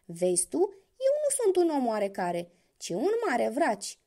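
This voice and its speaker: A cunning young hunter from a children's storybook, acted out by a woman storyteller, calm and sly as he gives orders. The voice sits high and swings lively in pitch. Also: heavily acted. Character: young clever male hunter posing as a healer.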